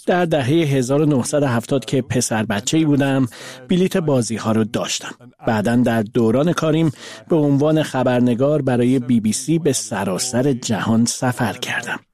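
Man, voice-over interpreter, mid pitch, measured even delivery. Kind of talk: dubbed translation of interview answers.

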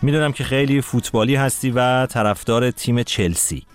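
A man's voice: mid-range voice, clean tone, no echo. A man hosting a talk show, friendly and welcoming as he introduces a guest and asks questions. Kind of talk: presenting and asking questions.

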